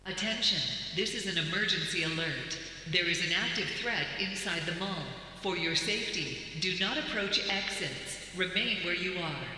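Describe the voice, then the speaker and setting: Echoing mall loudspeaker alert, male voice. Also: sits high. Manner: calm, measured commands. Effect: mall public-address loudspeaker. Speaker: emergency alert announcer. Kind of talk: scripted emergency announcement. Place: shopping mall. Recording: echoey loudspeaker in a large hall.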